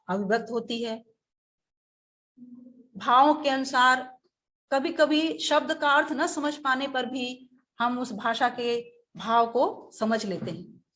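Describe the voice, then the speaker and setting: A woman teacher giving a webinar lecture, speaking slowly and deliberately, now and then acting out short examples. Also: a little high, fairly bright tone.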